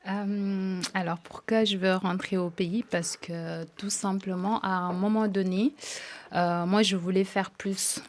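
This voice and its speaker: A woman founding a project, answering as a radio guest in a measured, reflective way. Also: mid-range voice, fairly even intonation. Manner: measured, reflective, repeats herself. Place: radio studio.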